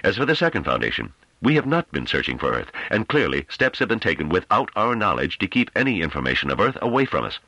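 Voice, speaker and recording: Male reader as grave sardonic councillor, low voice, varied intonation, dry close sound. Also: big pitch swings, fast, few pauses, bright, forceful tone, breathy edge, no room sound, dull audio, exaggerated voice. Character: calm sardonic male councillor defending himself.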